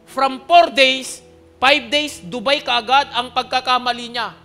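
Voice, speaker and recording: A man in the pulpit tells his own story, his voice pitched high and ringing bright. He keeps checking in with the congregation, sinking into hushed passages and then rising to loud, pleading ones. Faint music plays underneath. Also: slow. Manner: earnest, often checks in with the congregation. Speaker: pastor. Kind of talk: personal testimony sermon.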